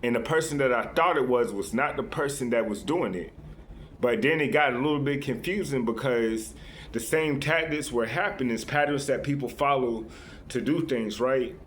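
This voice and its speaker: A man's voice: medium pitch, normal speed, a bit bright, a little hiss or hum. A man talking straight to his viewers in a loose, unscripted monologue, earnest and confiding, often restarting and tagging "right?" onto his sentences. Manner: rambling, many restarts and "right?" tags. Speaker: vlogger addressing his viewers.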